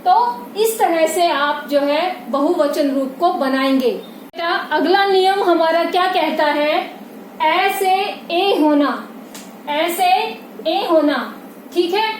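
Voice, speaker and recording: A woman with a very high voice gives a classroom grammar lesson at a slow pace, patiently repeating each point and often checking that her students are following. The room is roomy and echoing, with a faint hiss in the background.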